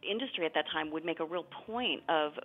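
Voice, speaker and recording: A woman's voice: low-pitched, fast, slightly rough. A woman author being interviewed, explaining at length in a chatty way with many fillers. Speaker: author guest. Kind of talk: conversational interview. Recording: tinny phone line.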